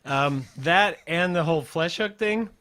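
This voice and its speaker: A man's voice: on the high side, unhurried. A man co-hosting a podcast in casual chat, telling stories animatedly and acting out quotes. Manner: animated storyteller, acts out quotes. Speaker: podcast co-host.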